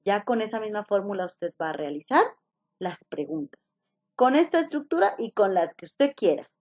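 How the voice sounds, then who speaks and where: A woman's voice: medium pitch, sing-song, moderate pace, a little mellow, highs cut off. A woman teaching an online English class, explaining patiently, repeating key points and asking her students questions.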